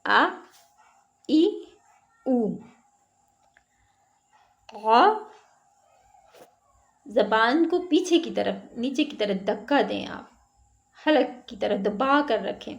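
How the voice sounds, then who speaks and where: A woman teaching Quran letter sounds, drilling syllables slowly one by one and then explaining how each is pronounced. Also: fairly high pitch, lively intonation, creaky. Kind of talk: slow recitation lesson. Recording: dull lo-fi online lesson audio.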